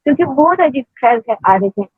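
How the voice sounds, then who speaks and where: A woman with a high, somewhat husky voice calls in and tells her story in loose, rambling speech, pausing often with filler sounds. The sound is a thin, tinny phone line, dry with no room around it. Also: animated, no room sound. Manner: rambling, many hesitations. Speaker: caller.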